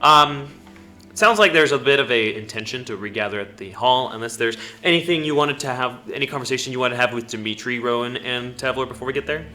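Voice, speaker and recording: A man's voice: medium pitch, fast, sharp tone. A man narrating a tabletop game casually as game master, improvising as he goes. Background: background music.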